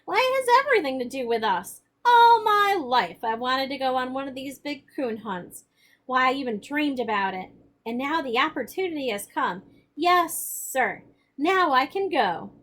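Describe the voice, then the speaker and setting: A woman voicing an excitable old grandfather storekeeper while reading a novel aloud, in loud, eager exclamations. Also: a little high, measured pace. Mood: excited. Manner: excited exclamations, then serious and explaining.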